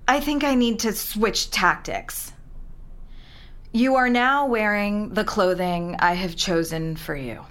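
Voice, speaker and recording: An actress playing a formal, overly polite attendant who calmly guides someone through strange instructions. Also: female voice, medium pitch, slow. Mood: clinical. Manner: calm, formal, clinical instructions. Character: overly polite woman attendant guiding a captive.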